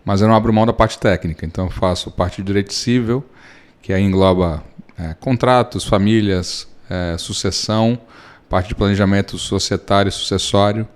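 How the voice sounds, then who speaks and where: A Brazilian man in his thirties with a fairly low voice, talking as a lawyer on a podcast. He explains things patiently and at length, leaning on everyday examples to make his point. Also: moderate pace. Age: 30s. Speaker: lawyer and guest. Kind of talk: relaxed podcast interview.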